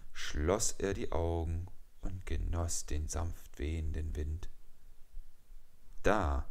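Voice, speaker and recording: A man reading a fairy tale aloud as an audiobook narrator, calm and measured. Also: a bass voice. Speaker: audiobook reader.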